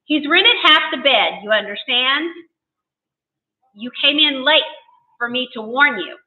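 A woman doing a calm old innkeeper. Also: high-pitched, a little slow. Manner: calm, soothing. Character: calm, amused male innkeeper. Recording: tinny phone-like, distant.

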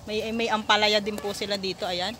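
Her medium-pitched voice is bright and forceful, fairly quick, with little pitch movement. A woman in her thirties, she chats and giggles through a selfie vlog tour of a rural farm, addressing viewers as "mga kablandi," phone held at arm's length outside, where background noise comes through.

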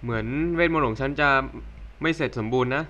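A man's voice: mid-range voice, quick pace, a bit bright, dull audio, lightly acted. A man reading a shy apologetic young witch girl. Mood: hesitant. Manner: hesitant, apologetic. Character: insecure young female witch hiding her real self. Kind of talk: live-translated game dialogue read aloud.

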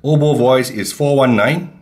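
A man calmly giving step-by-step keyboard instructions in a tutorial. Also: medium pitch, normal speed. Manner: calm, plain instructions. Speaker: keyboard teacher.

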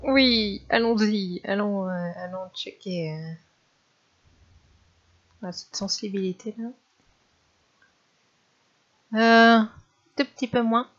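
A woman chatting casually and hesitantly while she plays a horror game in a dark bedroom. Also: mid-range voice, slow, pauses often, dull audio. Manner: chatty, hesitant with many fillers. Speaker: gamer. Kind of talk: casual let's play commentary.

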